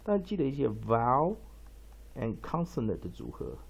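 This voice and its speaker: A male English teacher giving a pronunciation lesson, explaining at length with many drawn-out fillers and reading dictionary entries aloud. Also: mid-range voice, wildly swooping pitch, gravelly, husky, dull audio. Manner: reads dictionary entries slowly.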